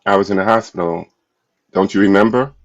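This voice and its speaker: A man voicing a meek, apologetic young husband who pleads softly with his wife. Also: low voice, fairly quick, muffled recording. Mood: pleading.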